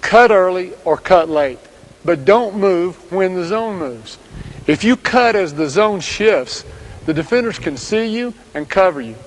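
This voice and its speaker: A man giving scripted instructional narration as a basketball coach, speaking in steady, direct commands. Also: high voice, a little slow, poor audio.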